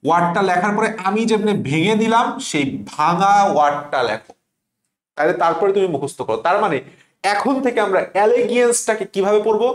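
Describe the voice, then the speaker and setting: Man, young, exam tutor, question-and-answer drilling, high pitch, echoey room. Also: a little fast. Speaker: admission test tutor. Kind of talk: online lesson.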